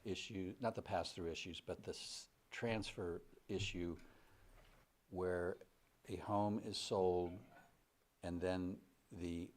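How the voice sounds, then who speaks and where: Deep-voiced man giving brief public comment. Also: steady tone, darkish tone. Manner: brief, measured, with restarts. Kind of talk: public comment at a county meeting. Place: county board meeting room.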